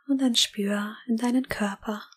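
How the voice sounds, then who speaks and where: A woman whispering a slow, calm guided meditation. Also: fairly high pitch, husky.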